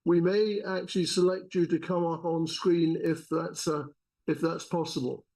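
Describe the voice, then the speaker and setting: High-voiced man introducing a speaker. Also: flat delivery, moderate pace, darkish tone. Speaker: event host. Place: lecture room.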